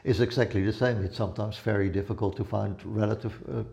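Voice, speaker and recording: A man in his seventies, from the Netherlands, talks in a low, gravelly voice with a mellow tone. He rambles easily through his answers, stopping for uhs and restarts as he chats with the host. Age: 70s. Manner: relaxed and rambling, many pauses and fillers. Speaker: guest, retired photographer and blogger. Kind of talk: casual interview chat.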